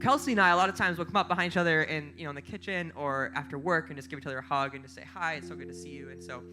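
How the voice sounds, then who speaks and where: A young male pastor delivering a live sermon, his voice sitting a little high for a man. He tells family stories in a lively way and leaps higher when acting out what others said. Guitar music plays clearly behind him. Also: very fast. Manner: lively storytelling, voice jumps up for quoted lines.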